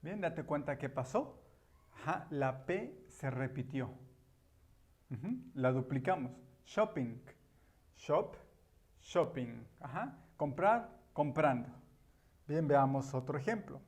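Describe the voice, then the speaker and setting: Male teacher, slightly high voice, unhurried; explains grammar step by step, repeats key words. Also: expressive, darkish tone. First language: Spanish. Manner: patient, repeats key words, many "ujú" and "ajá" fillers. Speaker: English teacher.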